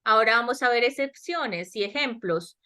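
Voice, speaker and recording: Her voice is on the high side, animated, pushed and bright. Teaching English grammar online in Latin American-accented Spanish, she goes slowly, explains carefully, and repeatedly asks whether students follow. The audio comes from a webinar headset or laptop mic.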